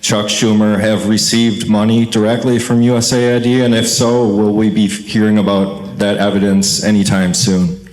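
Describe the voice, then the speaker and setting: Flat, low-voiced man asking a question. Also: normal speed, roomy sound, poor audio.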